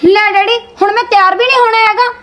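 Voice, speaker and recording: In a Punjabi short film, a young woman plays a spoiled, vain, sharp-tongued college-going daughter who snaps at her sister-in-law and begs her father for money. Her very high-pitched, fairly bright voice moves quickly with fairly even intonation, and there's a little hiss or hum.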